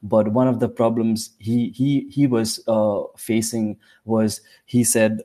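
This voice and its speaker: A man, from Nepal, explaining his points haltingly in a casual live audio chat. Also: lowish voice, flat delivery, mellow.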